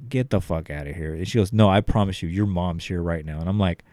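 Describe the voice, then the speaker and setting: A young adult man with a lowish voice tells a long, meandering story in a loose podcast chat, swearing freely and padding his sentences with fillers. The sound is dry and close-miked, with no room around it. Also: fast talker, a little mellow, no echo. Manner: rambling, profane, heavy fillers. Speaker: podcast co-host.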